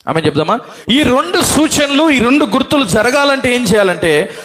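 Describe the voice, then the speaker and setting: A male pastor preaching a sermon to a congregation, calling for responses and swinging between loud declarations and low asides. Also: sing-song, normal speed. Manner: call-and-response preaching, urging the congregation to answer. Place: church hall with a congregation.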